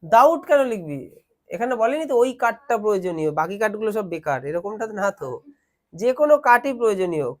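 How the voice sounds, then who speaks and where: A man's voice: sits high, very animated, fast. A man teaching a grammar lesson in a classroom, explaining step by step and quizzing his students as he goes.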